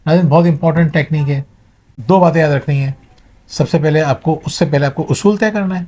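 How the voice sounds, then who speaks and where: A middle-aged motivational speaker with a fairly high, mellow voice talks to viewers, earnestly giving advice and mixing in English words.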